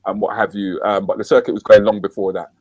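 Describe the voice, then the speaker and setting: A man's voice: lowish voice, flat delivery, fast talker, darkish tone, dry recording. Teasing male host, dry close sound. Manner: teasing, conversational, frequent ums. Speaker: interview host. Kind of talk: casual interview chat.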